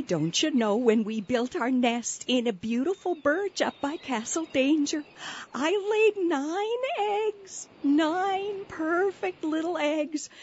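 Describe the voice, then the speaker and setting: A woman voicing a sentimental mother chickadee ghost pirate with an Upper Midwest accent, folksy and drawn-out, given to weeping over her lost eggs. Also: sits high, darkish tone. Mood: wistful. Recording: lo-fi recording.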